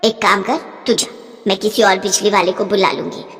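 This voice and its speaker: A woman's voice: medium pitch, steady tone, moderate pace, fairly bright tone, voice pushed down, close to an everyday voice. A woman playing a stingy bossy mother-in-law. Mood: stern. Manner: scolding, penny-pinching, bossy. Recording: long reverb.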